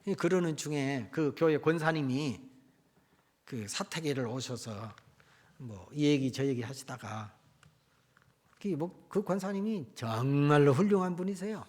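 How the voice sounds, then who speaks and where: A male pastor preaches in a church, telling a story with a fairly high voice. He swings from loud, pressing lines to hushed asides as he builds the story. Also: measured pace. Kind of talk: storytelling sermon.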